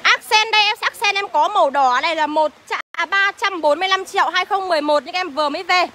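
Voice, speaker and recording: A young woman livestreaming from a used car lot, briskly reading out car prices and greeting viewers by name, recorded on a phone as she walks. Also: very high voice, sharp tone, slight background noise. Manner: brisk sales patter, reels off prices and addresses viewers as "anh".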